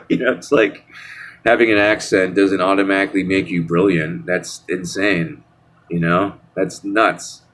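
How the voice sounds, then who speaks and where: A man's voice: low voice, fairly even intonation, measured pace, a bit bright. A young man in a casual vlog rant, sarcastic and rambling, full of restarts and fillers. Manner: mocking singsong asides. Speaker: vlogger. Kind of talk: casual ranting monologue.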